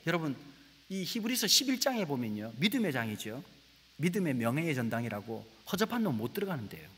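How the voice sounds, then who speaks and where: A middle-aged man preaching a lively comic sermon as a guest pastor in a large church, storytelling with playful dialect bits. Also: a little high, in a large hall. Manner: animated storytelling, slips into rustic dialect voices for laughs; says he talks very fast.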